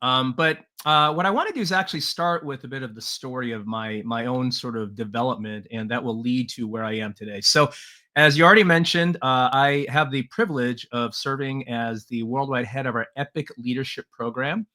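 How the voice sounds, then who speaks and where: This middle-aged man from Taiwan, a leadership trainer on a podcast, talks briskly in a medium-pitched, bright and forceful voice. He recounts his life earnestly in a laid-back interview, with frequent "uh" fillers and occasional light laughter.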